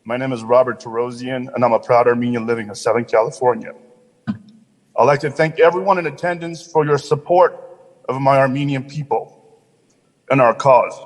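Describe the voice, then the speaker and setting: A man's voice: mid-range voice, normal speed. A man giving a public comment at a city council meeting, indignant and firing off rhetorical questions. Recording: long hall reverb.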